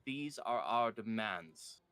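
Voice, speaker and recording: A man voicing a cold vampire woman who leads an undead army, speaking slowly and formally. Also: lowish voice, lively intonation, fairly bright tone, no room sound, exaggerated voice. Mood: menacing. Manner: slow, formal, issuing demands.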